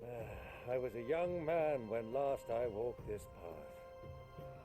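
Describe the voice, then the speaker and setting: A male actor playing a spry, lively old uncle in a fantasy video game, speaking with genial theatrical eagerness. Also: medium pitch, slow pace, over music, low-quality recording. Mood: genial, instructive. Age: older.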